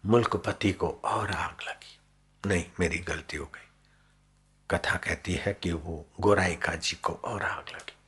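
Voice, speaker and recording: Male devotional preacher, deep voice, slow dramatic storytelling. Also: fairly bright tone, husky.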